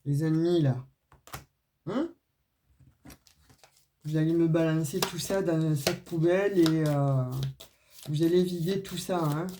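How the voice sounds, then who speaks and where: Here a woman talks unhurriedly in a low, mellow voice, leaving long pauses, with slight noise in the background. She reads tarot and oracle cards casually in a regional, non-Parisian French accent, speaking to viewers directly and leaning on fillers like "euh" and "hein."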